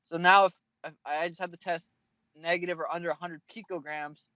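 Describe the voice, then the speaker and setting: Young male fighter, mid-twenties, casual and profane; voice a touch high, dry and muffled recording. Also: steady tone, brisk, sharp tone, no echo. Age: 20s. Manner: blunt and profane. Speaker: fighter, interview guest. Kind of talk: casual interview answers.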